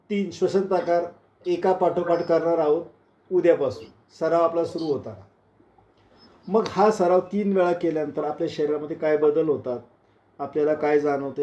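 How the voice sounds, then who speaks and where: A somewhat high, mellow male voice slowly counts out breaths and gives posture cues as an instructor. He sounds like he is on a video call, with a roomy echo and dull, lo-fi audio. His voice grows softer when he guides the class to rest. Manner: slow, counting cues, voice dropping soft and low when calming.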